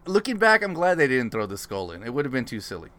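Bright-voiced man in casual chat. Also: mid-range voice, fast talker. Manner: animated, swearing, acts out quotes. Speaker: podcast co-host.

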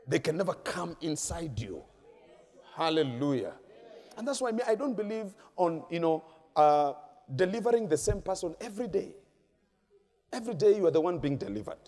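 A man preaching a sermon in a church hall, emphatic and repetitive, with sudden loud peaks. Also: medium pitch. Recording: long echoing church-hall reverb.

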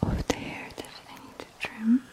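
A woman whispering softly in a slow, soothing, formal spa-attendant manner. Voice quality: soft whisper. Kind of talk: whispered ASMR-style spa role-play.

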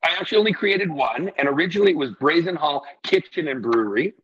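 A husky middle-aged man from Iceland who owns a brewery talks earnestly in a relaxed interview, rambling and restarting his sentences. The sound is dull and a little lo-fi. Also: a little high, fast. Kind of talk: casual interview talk.

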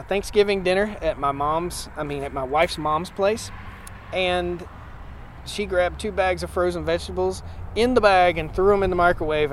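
A farmer in his forties talks in a plainspoken, emphatic way, often restarting his sentences. His voice sits on the higher side for a man. Faint outdoor noise hums behind him. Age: 40s. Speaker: homesteading farmer and guest. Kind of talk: casual interview chat. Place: outdoors at a conference.

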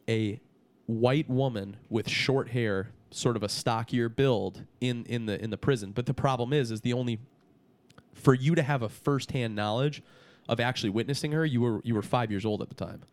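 A man's voice: mid-range voice, normal speed, a little mellow. A man chatting casually on a podcast as a guest, peppering his talk with "dude". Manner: casual, says dude a lot.

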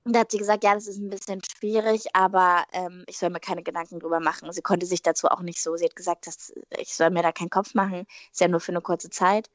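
Woman, casual interview chat, animated anecdotes, tag questions, dry voice. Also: fairly low pitch, fast talker, few pauses, no echo, dull audio. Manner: animated storytelling, acting out her own quotes. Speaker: actress on a TV series.

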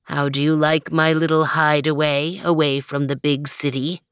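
A woman voicing a sly, gloating male cat who is a criminal mastermind, purring and slow in a storybook reading. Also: sits low, little pitch movement, smooth, no room sound, studio quality, voice pushed down, close to an everyday voice. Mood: gloating villainy.

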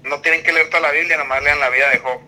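A man's voice: fairly high pitch, steady tone, rapid-fire, sharp tone, slight background noise, poor audio. A man hosting a casual podcast chat, slangy and loose, dropping a casual filler into nearly every phrase. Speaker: podcast host.

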